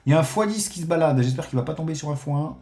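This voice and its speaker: A man streams a live casino game, talking very fast in a voice on the high side, with a roomy sound and faint music behind him. He's excitable, swears often, and comments on his bets while addressing his viewers as friends.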